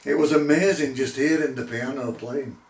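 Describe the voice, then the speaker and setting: A middle-aged man telling his own paranormal investigation story in a measured, deliberate way, with pauses. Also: mid-range voice. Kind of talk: unscripted spoken storytelling. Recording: roomy echo, distant microphone.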